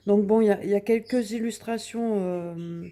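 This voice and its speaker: A woman's voice: medium pitch, normal speed, mellow. A young woman showing her finished coloring pages in a casual vlog, chatty and hesitant with many fillers and restarts, sitting at home in front of a window. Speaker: coloring vlogger. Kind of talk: casual show-and-tell vlog.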